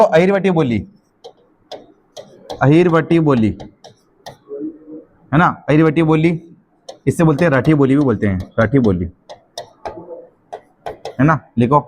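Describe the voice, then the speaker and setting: A man's voice: a little high, animated, measured pace, long pauses, darkish tone, slight background noise. A teacher dictating notes in a classroom lecture, often quizzing his students with a question and then answering it himself.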